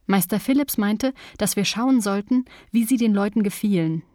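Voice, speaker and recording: Female audiobook narrator, calm first-person storytelling, middle pitch, dry close sound. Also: normal speed, no echo.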